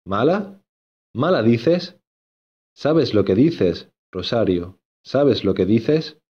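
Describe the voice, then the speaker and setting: A man playing an earnest, lovesick young gentleman in a storybook, insistent and given to repeating himself. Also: mid-range voice, big pitch swings, extremely slow, slightly rough, dull audio, full character voice.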